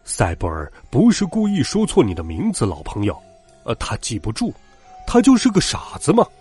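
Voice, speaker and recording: A man voicing a gruff, sly male robber chief in a children's storybook reading, talking low and haggling. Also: wildly swooping pitch, moderate pace, darkish tone, soft background music, full character voice. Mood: soothing.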